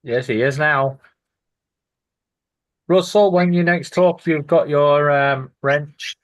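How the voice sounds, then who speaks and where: A man's voice: fairly high pitch, takes it slowly, no echo. A man hosting a live stream, chatting casually with wry banter and the odd swear.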